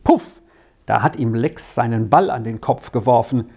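A storybook reader voicing a cheeky, boastful fourteen-year-old boy who chatters with eager excitement. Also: mid-range voice, moderate pace, slightly rough, pitched below the performer's own voice. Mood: excited. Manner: excited, running commentary.

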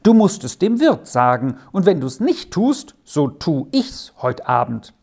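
A woman's voice: sits low, sing-song, measured pace, a little mellow, voice pushed up, full character voice. A woman doing an earnest young goatherd boy. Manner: pleading, earnest, childlike. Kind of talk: storybook reading.

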